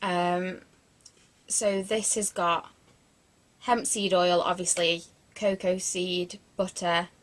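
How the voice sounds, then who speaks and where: A woman's voice: lowish voice, flat delivery, takes it slowly, pauses often. A young woman in her twenties, chatting casually through a beauty product review, rambling with lots of fillers and self-deprecating asides. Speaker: beauty vlogger.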